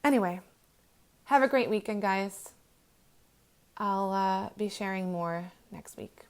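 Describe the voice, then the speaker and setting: A young woman hosting a heartfelt motivational monologue, earnest and gentle, with many ums and restarts, close to tears. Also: mid-range voice, takes it slowly. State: emotional, near tears. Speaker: host.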